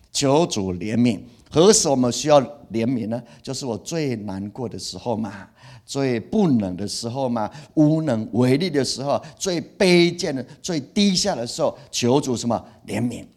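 A middle-aged male pastor preaching in a mid-pitched voice. He is animated and expressive, repeating key phrases for emphasis and voicing feelings through exclamations. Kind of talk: sermon.

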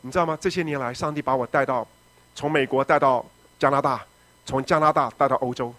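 Telling his own story in a testimony sermon, this middle-aged pastor is dramatic, shifting from shouts to hushed, low-voiced passages. His tone stays steady and his pace fairly quick, and the recording is dry.

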